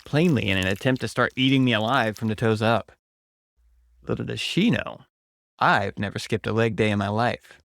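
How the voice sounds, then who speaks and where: A man's voice: fairly low pitch, noisy background. A man reading a scripted first-person horror story as its narrator. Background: music.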